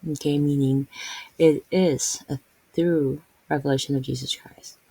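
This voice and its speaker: A woman from the Philippines with a Filipino accent hosts a Bible video, reading verses and explaining them casually and ramblingly, with many fillers, restarts and self-corrections. Her low, gravelly voice is steady, a little slow and dark, with a breathy edge. The audio is poor, with no room sound.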